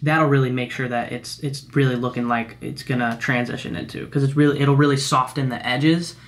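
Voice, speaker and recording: A man's voice: medium pitch, fairly even intonation, brisk. Casual young man walking through edits. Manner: casual, instructive, step-by-step with slangy asides. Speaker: video editing tutor. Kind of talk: screen-recorded software tutorial.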